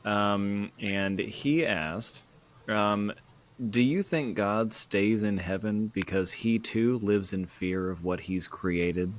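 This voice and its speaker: A man's voice: on the low side, slow. A man co-hosting a podcast, playfully reading listener questions in casual chat. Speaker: podcast co-host. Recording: noisy podcast recording.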